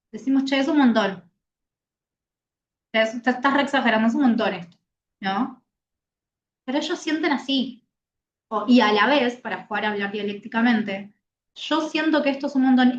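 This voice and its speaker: A woman with a Rioplatense Spanish accent, a therapist teaching an online class in a lively way, asking her students questions and acting out examples. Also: a little high, echoey room, lo-fi sound, slight background noise. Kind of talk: online lecture.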